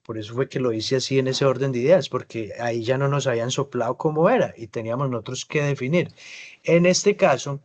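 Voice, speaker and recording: A man teaching an English class over a video call, explaining patiently and slowly modeling English words. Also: mid-range voice, darkish tone. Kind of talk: online class feedback.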